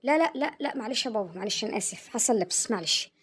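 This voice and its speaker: A woman's voice: a little high, animated, fast, a little mellow, natural voice. A woman playing a cheeky schoolboy son. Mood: flustered. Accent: Egyptian Arabic. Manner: rambling, excuse-making. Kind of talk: comedy sketch acting.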